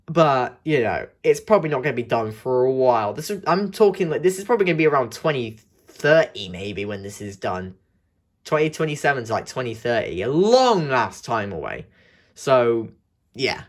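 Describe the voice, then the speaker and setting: A man's voice: mid-range voice, big pitch swings, moderate pace. A young man with the hiccups, rambling through casual vlog commentary with many restarts and fillers. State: has the hiccups. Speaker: video creator.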